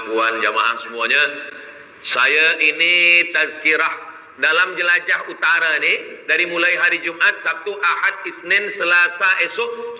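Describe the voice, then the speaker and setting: A man in his forties preaching to a congregation, telling stories in an animated way and acting out dialogue. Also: a little high. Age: 40s. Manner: animated storytelling, acts out dialogue. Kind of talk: religious talk to a congregation. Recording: echoey hall reverb.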